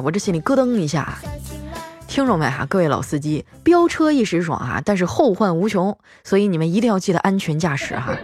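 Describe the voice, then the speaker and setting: A female host telling scripted comic stories in a playful way, chuckling between jokes. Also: mid-range voice.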